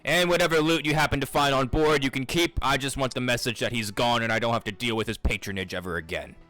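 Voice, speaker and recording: A man playing a gruff, foul-mouthed dwarf shipwright. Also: mid-range voice, quick pace, bright, forceful tone, soft background music, close to an everyday voice, rough recording. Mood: scheming. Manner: blunt and crude, swearing often.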